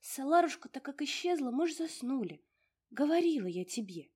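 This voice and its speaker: A woman's voice: sits high, very animated, moderate pace, darkish tone, pitched above the performer's own voice. A woman voicing a fussy little house-spirit granny. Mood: fussing. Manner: folksy, doting, exclamatory.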